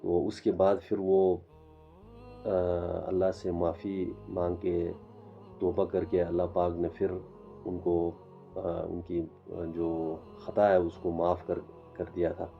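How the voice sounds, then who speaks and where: A man giving an informal religious lecture for his online channel, speaking haltingly with many fillers and restarts. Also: low-pitched, level tone, vocal fry, dull audio, soft background music. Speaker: self-taught religious lecturer.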